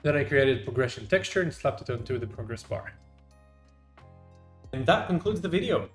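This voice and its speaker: Young guy doing devlog narration, dry jokey tone, kinda echoey, quiet music behind. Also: medium pitch, animated, moderate pace. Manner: dry, self-deprecating humor. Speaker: game developer and channel host. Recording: roomy echo. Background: faint music.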